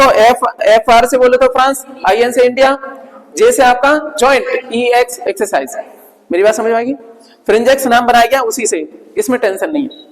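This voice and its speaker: A male coaching teacher with an extremely high-pitched voice gives a revision lecture, posing questions to his students and answering them himself. He repeats key points as memory tricks, and the recording carries a long hall reverb.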